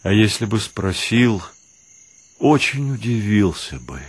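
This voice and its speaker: A man reading a novel aloud in measured, expressive scripted narration. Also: lowish voice, slightly rough, no room sound. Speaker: audiobook reader.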